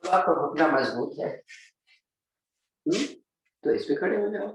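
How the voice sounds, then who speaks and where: A man's voice: a little high, lively intonation, measured pace. Yoga teacher guy walking the class through poses, voice a bit far from the mic. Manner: talks students through poses step by step. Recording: very echoey room, mic at a distance.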